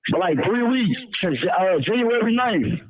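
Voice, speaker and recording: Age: 20s. Sex: man. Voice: high, dry, muffled as if through a wall. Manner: rambling, repeating catchphrases. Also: expressive, measured pace, no room sound. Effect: muffled, as if heard through a wall. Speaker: caller phoning in from jail. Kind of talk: casual call-in chat.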